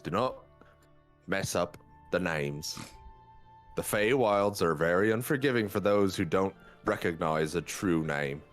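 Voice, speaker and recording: A man voicing a stern fey woman who gives a slow, solemn warning in a tabletop game. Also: deep voice, soft background music.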